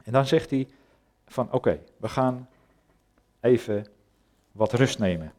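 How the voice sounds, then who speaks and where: A man delivers a sermon in an easy, conversational way. He pauses often and searches for words. His voice sits at an ordinary middle pitch. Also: expressive, a little mellow. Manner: conversational, hesitant with many fillers. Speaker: preacher. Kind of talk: sermon with Bible reading.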